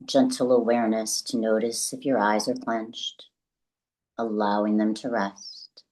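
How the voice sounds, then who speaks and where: In this meditation, a woman with a distinctly low, deep voice offers gentle, deliberate guidance, leaving long gaps between phrases. Her manner is calm and soothing. The recording is of low quality.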